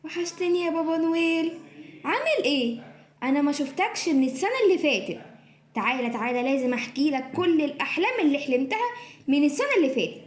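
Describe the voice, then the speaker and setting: A woman's voice: high voice, big pitch swings, fast. A woman playing a chattering Christmas tree. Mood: chatty, pestering. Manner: chattering, pestering, giggly. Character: chatty clingy talking Christmas tree, female. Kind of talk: children's play acting. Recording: echoey room.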